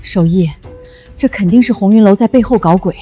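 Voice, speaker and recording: A woman's voice: medium pitch, brisk, mellow, faint music behind, close to an everyday voice. A woman playing a caring, alert restaurant proprietress, earnest and concerned, in a short drama.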